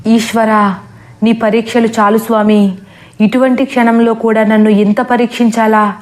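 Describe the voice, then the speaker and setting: Woman reading as a devout male ascetic, earnest, chanting prayers, flat steady tone. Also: a little high, normal speed, lightly acted.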